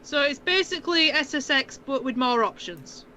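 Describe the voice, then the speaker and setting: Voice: sits high, expressive, moderate pace, sharp tone. A podcast co-host in casual chat, asking meandering, offhand questions.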